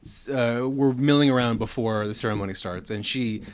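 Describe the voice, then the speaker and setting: A man, chatting casually as a podcast co-host. His voice sits in an ordinary middle pitch, and he rambles along, restarting his sentences as he goes. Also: normal speed. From New York. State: holding a newborn. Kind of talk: casual chat.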